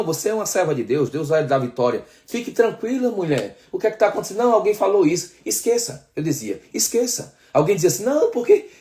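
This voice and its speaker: Brazilian pastor preaching, higher-voiced man. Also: warm tone. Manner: addresses listeners as brothers, frequent tag questions; slows down for emphasis, acts out quoted dialogue. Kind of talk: sermon.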